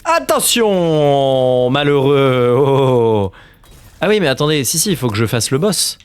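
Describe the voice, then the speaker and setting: A man's voice: on the high side, sing-song, quick pace, no room sound. A man in his thirties streaming a game, exasperated and swearing often, now and then dropping to a muttered whisper. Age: 30s. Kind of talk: casual gameplay commentary.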